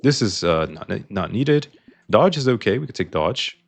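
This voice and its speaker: In a gravelly, sing-song voice on the low side, a man chats at a moderate pace while playing a video game. The gaming YouTuber explains his choices, sounding slightly strained.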